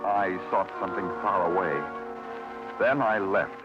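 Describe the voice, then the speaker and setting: An American actor plays a terse, world-weary New York police detective narrating his case in a 1940s noir radio drama, clipped and hard-boiled. His male voice is deep, steady, and a little slow, with a brooding mood. It's moody scripted narration on a dull vintage radio recording with music behind it.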